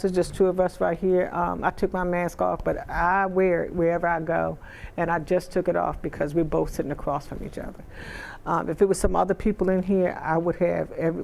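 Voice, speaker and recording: Gravelly-voiced woman hosting a talk show. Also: lowish voice, a little mellow. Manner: rambling, chatty, many fillers. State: feeling unwell. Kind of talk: casual interview chat. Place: studio.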